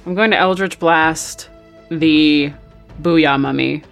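A woman playing a tabletop game in a playful, laughing way. Her voice sits a little low, and faint music plays in the background. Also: slow, creaky. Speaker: player. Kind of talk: casual tabletop game play.

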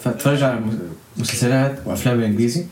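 Man, casual chat, very fast, roomy echo. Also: medium pitch, fairly even intonation, background noise. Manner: talks in long stretches with restarts. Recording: echoey room.

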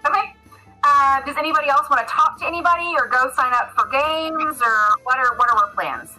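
A woman's voice: high voice, brisk, sharp tone, faint music behind, poor audio. A woman narrating a tabletop game as game master, casual, with lots of fillers. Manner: casual, many fillers and restarts.

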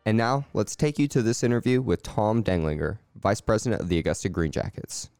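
A man hosting a podcast, reading intros and a sponsor message in a friendly, steady way. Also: on the low side, a little fast, clear, resonant tone, no echo, studio quality. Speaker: podcast host. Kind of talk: scripted intro and sponsor read, casual chat.

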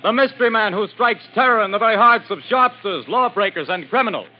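A high-pitched American man delivers a chipper old radio commercial with formal, emphatic salesmanship. The sound is muffled and vintage, with music behind him. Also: fast. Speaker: radio announcer reading a sponsor's advertisement.

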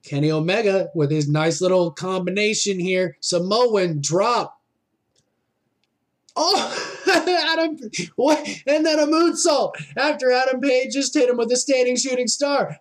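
A man calling wrestling play-by-play as an excitable commentator, exclaiming at big moves with informal, fan-like reactions. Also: extremely high pitch, normal speed, hardly any pauses.

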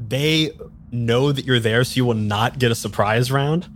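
A man's voice: medium pitch, moderate pace, noisy background. A man narrating as game master, describing scenes in a loose, filler-heavy way.

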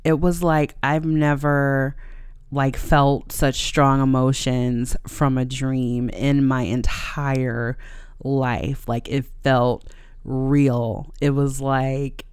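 A podcast host chatting casually and conversationally alone, in a smooth, clear voice close to the microphone. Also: medium pitch, little pitch movement, very slow, darkish tone, no room sound. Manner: conversational, laughs easily while talking.

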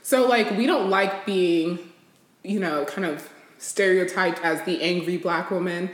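Animated woman in casual chat, roomy sound. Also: on the low side, measured pace. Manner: animated, laughs while acting out quotes.

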